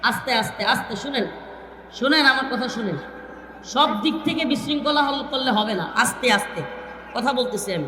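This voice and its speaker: A man preaching an Islamic sermon into a stage microphone and sternly hushing a large crowd. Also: very high-pitched, lively intonation, normal speed. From Bangladesh. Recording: echoey public-address sound with long reverb.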